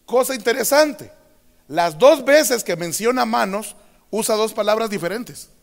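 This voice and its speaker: A man preaching a sermon as a pastor, switching between quiet teaching and loud, drawn-out proclamations. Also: high voice, lively intonation, gravelly. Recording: long hall reverb.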